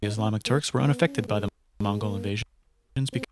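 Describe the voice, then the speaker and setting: A man's voice: lowish voice, fast talker. A man singing comic history lyrics in a quirky, playful sing-song way, played back from a video.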